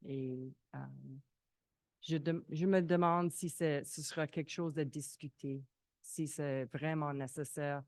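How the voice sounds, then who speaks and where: A woman with a low, steady, darkish voice speaks a little slowly, with no room sound audible. She isn't a native French speaker and has a foreign accent in French, and as a resident at a public meeting she raises questions informally while searching for her words.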